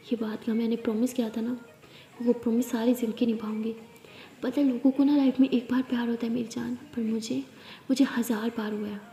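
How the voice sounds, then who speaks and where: A woman's voice: fairly high pitch, warm tone, natural voice. A woman voicing an affectionate young wife who soothes and teases her partner, with a dull, echoey room sound. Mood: loving. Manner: tender, coaxing, teasing.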